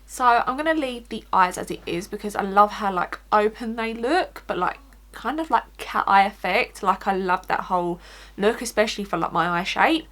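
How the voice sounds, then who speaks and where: Chatting casually through a makeup tutorial, a woman with an Essex accent sounds like a beauty vlogger, loose and conversational, and she says "like" constantly. Her voice is medium-pitched and a little bright, moving at a moderate pace.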